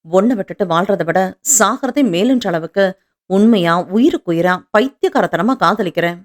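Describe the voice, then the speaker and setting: A woman voicing a patient, devoted young husband who speaks softly and earnestly. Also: mid-range voice, expressive, normal speed, close to an everyday voice. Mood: tender earnest. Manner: soft, earnest pleading.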